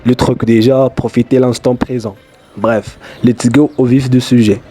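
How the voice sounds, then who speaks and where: Over background music, a Moroccan YouTuber narrates his vlog in casual, non-native French full of fillers; Darija is his first language. His voice sits at a medium pitch with fairly even intonation and a slightly slow delivery.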